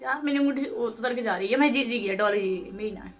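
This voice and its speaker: A woman's voice: on the high side, fairly quick. A woman vlogging casually at home and at a village temple feast, chatting straight to her viewers. She talks in a rural dialect and drops English words in here and there.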